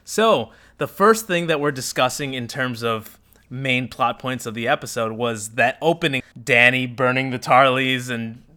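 A man's voice: mid-range voice, moderate pace, bright, forceful tone. Man hosting a casual podcast. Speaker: podcast host.

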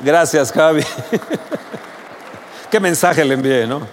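A male pastor preaching a sermon, acting out angry voices and building to shouted appeals. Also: on the high side, slow, some chatter behind, slight background noise. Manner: acts out angry speakers, rises to shouted appeals. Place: church auditorium with a congregation. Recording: preaching in a reverberant hall.

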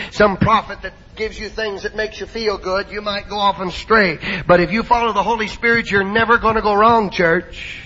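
Fervent male preacher, high bright voice, old muffled church-hall recording. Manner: fervent, shouting hallelujahs. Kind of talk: sermon.

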